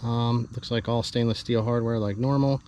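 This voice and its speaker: A hobbyist vlogger unboxes a product, offering casual, off-the-cuff commentary that halts as he thinks aloud and handles parts. His mellow mid-range voice keeps a fairly even intonation. He holds the camera while working, so the distance varies, and the noisy audio carries clear background noise.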